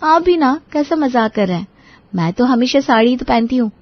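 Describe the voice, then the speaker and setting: A woman's voice: sits high, lively intonation, a little fast, no echo, dull audio. A woman voicing a sweet, shy, devout young bride in a cartoon, speaking politely and respectfully.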